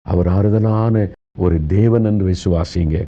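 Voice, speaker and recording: Deep-voiced preacher, consoling. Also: male voice, fairly even intonation, measured pace, muffled recording. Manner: gentle, consoling, addresses listeners directly. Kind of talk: sermon.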